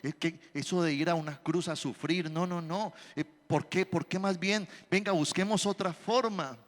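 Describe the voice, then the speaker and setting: A preacher doing a hushed, impulsive disciple. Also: male voice, extremely high pitch, expressive, measured pace, in a large hall, full character voice. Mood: pleading. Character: impulsive male disciple, pleading then eager.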